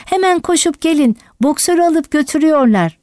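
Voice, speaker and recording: Lady reading as old grumpy donkey guy, yelling high and urgent, dry close sound. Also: expressive, a little fast, no room sound, lightly acted. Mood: alarmed shouting. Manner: urgent, shouting. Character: old grumpy male donkey, alarmed and shouting.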